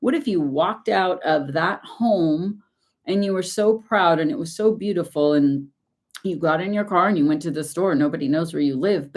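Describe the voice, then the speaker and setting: A woman success coach giving an earnest, emphatic motivational talk to camera. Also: sits low.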